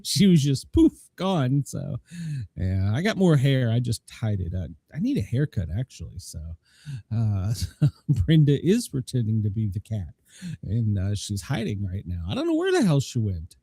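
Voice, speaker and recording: A male radio host chats casually and irreverently, wandering from point to point. His voice is mellow and a bit rough, with very animated pitch. The sound is dry. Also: moderate pace, dry recording. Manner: rambling, irreverent. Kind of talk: casual comedic live-show chat.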